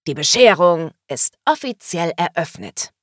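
A jovial man announcing at a family party, played by a woman reader. His lines come loud and hearty, read at an unhurried pace with a dry, close sound. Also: fairly low pitch, very animated, no echo.

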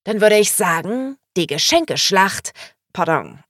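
A jovial man announcing at a family party, played by a woman reader. His lines come loud and hearty, read at an unhurried pace with a dry, close sound. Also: mid-range voice, sing-song, no room sound.

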